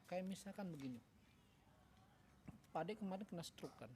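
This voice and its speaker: A father in a casual talk, telling a family story with lively, acted-out dialogue and earnest, reflective advice. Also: sits high, normal speed, a little hiss or hum. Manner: animated, acts out family dialogue. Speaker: father and podcast co-host.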